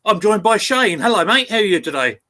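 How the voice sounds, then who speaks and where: A man's voice: high voice, big pitch swings, fairly quick, bright, forceful tone. A man with an Essex accent, hosting a casual football livestream chat. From Essex, England. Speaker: host.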